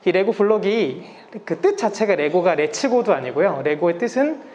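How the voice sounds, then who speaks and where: Wearing a face mask that slightly muffles him, a guest lecturer, a man in his thirties from South Korea, explains his subject politely to a public audience. His voice sits high and is a little mellow, with lively intonation at a normal speed. Background noise runs through the live talk.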